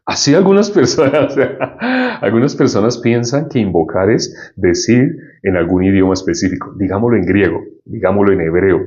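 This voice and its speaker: A man's voice: on the low side, a little mellow, highs cut off. A male preacher giving an informal Bible teaching in a conversational way, often asking his listeners questions.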